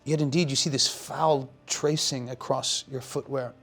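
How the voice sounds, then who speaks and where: A man working as game master, improvising narration for a tabletop game in casual, descriptive, halting phrases. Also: medium pitch, fairly even intonation, a bit bright.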